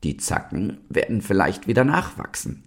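A small, kindly lizard from a storybook speaks in a raised, comforting voice, as a man reading aloud puts it on. The tone keeps a husky, gravelly grain. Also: low-pitched, sing-song, normal speed, fairly bright tone, pitched above the performer's own voice, exaggerated voice.

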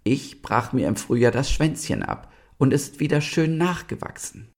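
A small, kindly lizard from a storybook speaks in a raised, comforting voice, as a man reading aloud puts it on. The tone keeps a husky, gravelly grain. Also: sits low, big pitch swings, normal speed, fairly bright tone, voice pushed up, exaggerated voice.

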